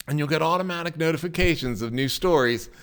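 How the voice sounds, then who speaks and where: A man's voice: on the high side, fast talker, clear, resonant tone. A man hosting a channel, narrating scripted local stories in a presentational storytelling manner.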